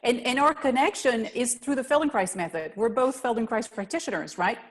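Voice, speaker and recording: A woman's voice: fairly high pitch, fairly quick. A woman from Belgium with a Belgian accent, a guest presenter giving an earnest, explanatory webinar talk over a video call. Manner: earnest, explanatory, slightly non-native phrasing. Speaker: guest presenter, physical therapist.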